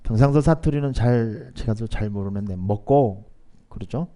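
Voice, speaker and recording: A man preaching a Sunday sermon as pastor, moving between quiet asides and loud, emphatic rises, and calling on the congregation to repeat lines aloud. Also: medium pitch, moderate pace.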